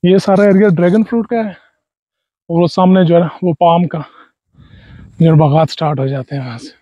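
Husky man vlogging on a farm. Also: high voice, fairly even intonation, moderate pace, dry recording, lo-fi sound. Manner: devout, warm greetings and frequent pious phrases. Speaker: travel vlogger. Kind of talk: travel vlog narration. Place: outdoors on a dragon fruit farm. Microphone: lapel mic, selfie stick camera.

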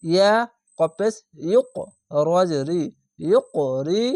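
A man's voice: sits high, extremely slow, darkish tone, no echo, clean studio sound. A man teaching Quran reading, who spells out each letter and syllable, repeats the sounds and stretches the vowels before joining them into words. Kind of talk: step-by-step recitation lesson.

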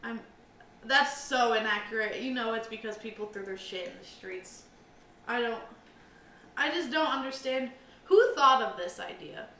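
A woman's voice: on the high side, animated, normal speed, bright, forceful tone. A young woman co-hosting a casual podcast, rambling and self-deprecating with many fillers. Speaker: podcast co-host. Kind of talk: casual chat. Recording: roomy, slightly distant mic with faint hiss.

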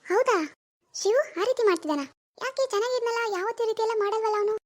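A woman playing a scheming mother-in-law, high-voiced. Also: quick pace. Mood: concerned. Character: older mother-in-law, sympathetic but stirring trouble. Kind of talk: amateur family drama acting.

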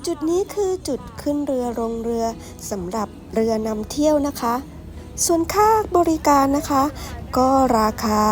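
A woman from Ratchaburi narrating a travel vlog, speaking politely and often addressing her viewers directly. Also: high-pitched. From Ratchaburi, Thailand. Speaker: travel vlogger.

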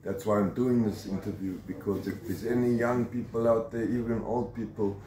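A man's voice: lowish voice, fairly even intonation, moderate pace, echoey room, crowd noise, rough recording. A South African man in his forties, telling his life story as an interviewee in a tough, emphatic way with strong conviction, filmed at close range on a phone camera. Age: 40s. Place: outdoor shelter against a corrugated metal wall.

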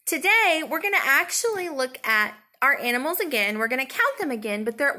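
In this clip, a preschool teacher in her thirties runs a counting lesson for children, speaking simply in a sing-song way as if to a toddler. She asks questions and pauses for answers, and her voice is high with a sharp tone.

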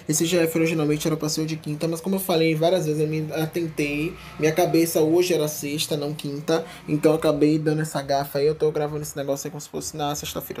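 A man's voice: a little high, vocal fry, a little mellow, slight background noise. Chatty man hosting a fan page. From Brazil. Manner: chatty, playful, addresses viewers as gente. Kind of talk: casual celebrity gossip commentary.

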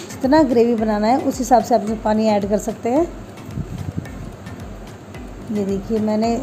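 A woman's voice: a little high, dark tone. A woman talking viewers through a home cooking recipe step by step, in a homely way. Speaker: home cooking channel host.

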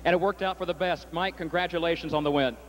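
A high-pitched man calls a harness race outdoors, rattling off horses, owners and positions in a crisp, brisk announcer's delivery. A faint hum of noise sits under the broadcast. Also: poor audio. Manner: rapid crisp calling, rising excitement in stretch. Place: outdoor racetrack.

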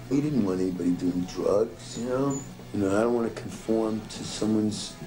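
Mellow lowish guy, thoughtful, hesitates a bit. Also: low-quality recording. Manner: reflective, hesitant. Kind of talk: reflective interview.

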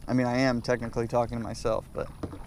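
A man's voice: medium pitch, flat delivery, fast, a little mellow. A young man from South Carolina giving casual, chatty commentary to his viewers while fishing from a kayak on a lake. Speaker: fishing vlogger. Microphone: head-mounted action camera. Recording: faint outdoor noise from an action camera.

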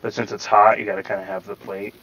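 This gaming tutorial host has a lowish, creaky, fairly bright voice, speaks fast, and barely varies his pitch. His casual gameplay commentary rambles step by step with some hedging. The low-quality recording carries faint background noise and a slightly robotic processed tone.

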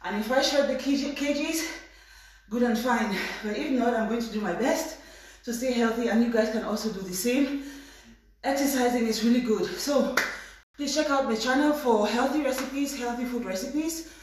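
Young female fitness vlogger, higher voice, hesitant and informal, strong room echo. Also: normal speed. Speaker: live video host. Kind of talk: casual live fitness chat. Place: indoors, tiled room at home. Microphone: phone a few steps away. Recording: very echoey bare room.

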